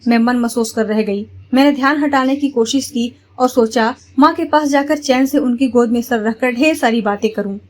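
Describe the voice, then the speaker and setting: A woman narrating a first-person family story in a steady, plain storytelling manner. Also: on the high side, moderate pace, few pauses.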